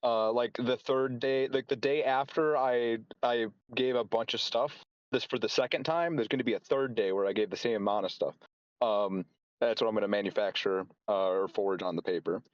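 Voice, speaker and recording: A man chatting casually as a player in a tabletop role-playing game, haltingly talking through his plans. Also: mid-range voice, no room sound, dull audio. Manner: halting, repeats and reformulates as he plans.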